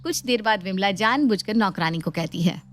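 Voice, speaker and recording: A woman narrating a cartoon story in an even, storytelling way. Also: mid-range voice, moderate pace.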